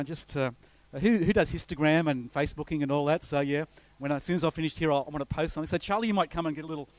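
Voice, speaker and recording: The recording is dry, and the middle-aged Australian man's voice is fairly high. He's a visiting pastor from the north coast of New South Wales, delivering a loose, chatty sermon introduction with slides to a church congregation, with plenty of fillers and restarts.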